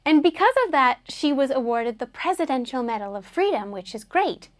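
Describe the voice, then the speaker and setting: A woman's voice: sits high, lively intonation, moderate pace. A woman teaching an English lesson, patiently explaining words and having learners repeat them after her.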